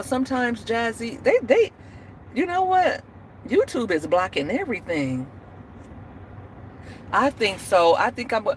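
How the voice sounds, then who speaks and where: A lowish-voiced woman in her forties runs a casual livestream, often laughing and naming viewers as she talks to them. A little background noise can be heard.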